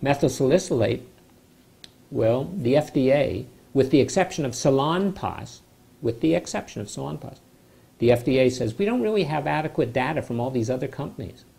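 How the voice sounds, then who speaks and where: An older man, a doctor, talking to camera from a home study in a measured, explanatory way with a skeptical edge. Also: medium pitch, expressive, gravelly, warm tone. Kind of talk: informal health explainer to camera. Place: home study with bookshelves, indoors.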